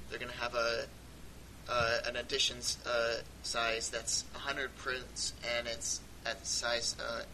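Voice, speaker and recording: A man chats casually as co-host of a fan podcast. He laughs often and trails off mid-thought before starting again. His home recording carries a steady hiss and a low rumble.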